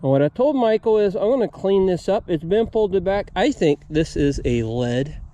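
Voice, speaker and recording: A man with a high voice and an American accent narrates casually to his viewers outdoors. His manner is folksy, and he explains each step as he goes, like a hobbyist host showing finds. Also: expressive, normal speed, warm tone, a little hiss or hum. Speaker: metal detecting video host. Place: outdoors at an old homesite.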